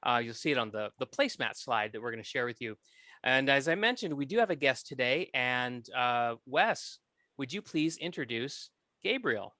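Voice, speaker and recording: A man's voice: medium pitch, lively intonation, normal speed, sharp tone, no room sound. A man hosting a podcast, opening the episode with a friendly, explanatory introduction. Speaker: podcast host.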